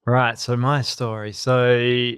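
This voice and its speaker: A man in his thirties with an Australian accent, co-hosting a podcast and telling his story in a relaxed, rambling way. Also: mid-range voice, slow pace, smooth, no echo, clean studio sound. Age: 30s. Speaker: co-host. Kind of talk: casual podcast chat.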